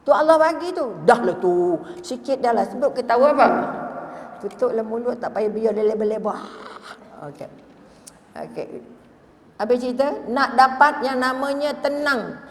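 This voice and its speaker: A middle-aged Malaysian woman preaching in a religious lecture, her voice a little high. She tells stories, acts out the people in them, and keeps asking her audience questions. The sound rings through a large hall with a long reverb. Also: moderate pace. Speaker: religious teacher.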